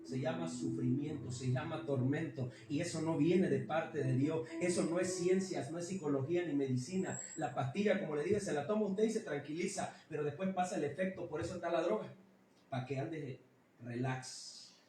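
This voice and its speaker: A man preaching a fiery Pentecostal sermon, emphatic and repetitive, rising to sudden high stresses. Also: normal speed, mellow. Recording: echoey church hall, mic far off. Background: worship music.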